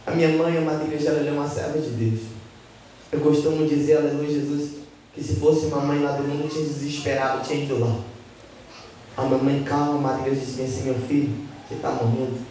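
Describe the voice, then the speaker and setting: A man's voice: a little high, little pitch movement, a little fast, dark tone, slight background noise. A Brazilian man giving a fervent Pentecostal testimony sermon, peppered with hallelujahs and bursts of speaking in tongues. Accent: Brazilian Portuguese. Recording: very echoey church hall from far off, music behind.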